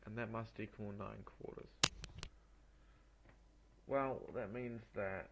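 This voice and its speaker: A man working through exam problems aloud as a tutor, halting and muttering through each step in an informal way. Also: fairly low pitch, steady tone, gravelly, heavy background noise. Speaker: maths tutor. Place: voice-over on a screen recording.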